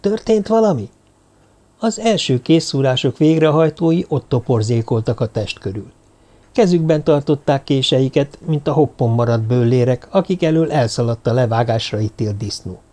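A male audiobook narrator with a dark, mellow voice and mid-range pitch. He reads in a measured, even storytelling manner, scripted and steady.

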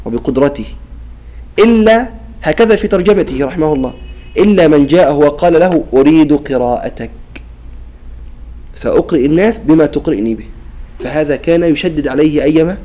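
A man leads a recitation class, his voice mellow and fairly high. He explains each rule patiently, sounds out the words to demonstrate them, and keeps checking that the students follow. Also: rough recording. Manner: explains and asks "clear?" often, demonstrates pronunciations. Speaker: Quran recitation teacher. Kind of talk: classroom lesson on tajweed.

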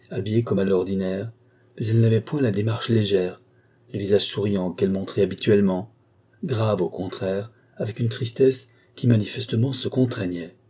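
Man, audiobook narration, measured and dramatic, dark mellow tone. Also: fairly low pitch, slightly rough. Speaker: audiobook reader. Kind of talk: scripted narration.

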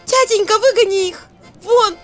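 A woman's voice: very high-pitched, moderate pace, fairly bright tone, faint music behind, pitched above the performer's own voice. A woman voicing a frightened young peasant girl who shrieks and pleads through tears. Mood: shrieking.

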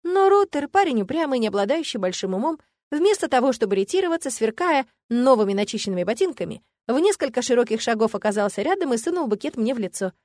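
A woman's voice: on the high side, big pitch swings, fast talker, a little mellow, no room sound. A woman narrating a first-person fantasy audiobook on a close studio mic.

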